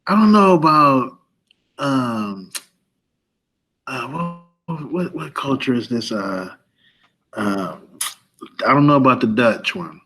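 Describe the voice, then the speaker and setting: A man's voice: medium pitch, lively intonation, slow, long pauses, fairly bright tone, slightly rough, rough recording. A man chatting casually as a guest, playful and hesitant, with many fillers. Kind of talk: casual podcast chat.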